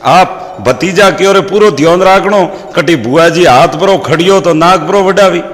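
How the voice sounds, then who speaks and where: A man's voice: sits high, normal speed, a little hiss or hum. A man with a Rajasthani accent telling comic folk stories and proverbs as a stage comedian. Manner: lively storyteller quoting proverbs. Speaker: stand-up comedian. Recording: long hall reverb.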